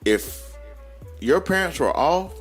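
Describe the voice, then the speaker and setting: A man's voice: a little high, slow, faint music behind. A man in his forties with a Southern US accent, telling a long story on a podcast and acting out his sons' lines. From North Carolina, US. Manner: animated, laughing storyteller who acts out his sons' lines. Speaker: podcast co-host. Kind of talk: casual storytelling chat.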